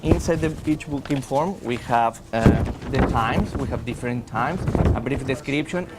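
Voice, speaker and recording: A man with a Mexican accent, a native Spanish speaker, explaining procedures in a halting, methodical announcement. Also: medium pitch. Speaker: shore excursions presenter. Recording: clear background noise.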